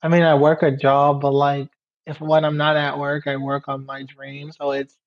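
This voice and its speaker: This young adult podcast guest hails from Guyana and has a slightly high voice at a moderate pace. He's relaxed and quick to laugh, rambling in run-on phrases through a casual interview chat, though the mic makes everything sound muffled and dull.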